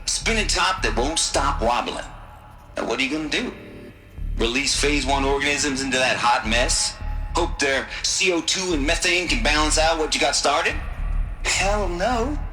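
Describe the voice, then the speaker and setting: A man's voice: on the high side, animated, lightly acted. An actor playing a wry, sardonic man explaining a doomsday system in a video game. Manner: sardonic, dramatic pauses. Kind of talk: game voice acting. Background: game music.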